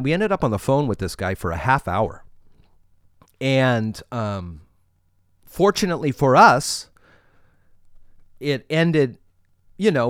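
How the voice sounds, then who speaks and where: A man's voice: mid-range voice, no room sound, clean studio sound. A man with an American accent casually telling a story, acting out bits of dialogue as he goes. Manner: animated, re-enacts dialogue in his retelling.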